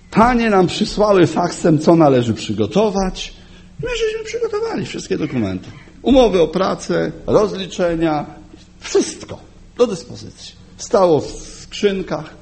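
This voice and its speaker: A man preaching a sermon, telling a story and acting out the voices in his quotes. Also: high-pitched. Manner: animated, acts out quotes, chuckles often.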